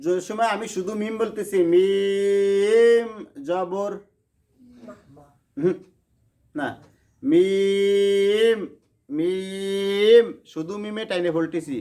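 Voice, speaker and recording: A Quran teacher, slowly drilling a class on letter sounds and urging them to repeat louder. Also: mid-range voice. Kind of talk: classroom lesson on letter pronunciation. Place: noisy classroom with students. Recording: noisy classroom with crowd chatter.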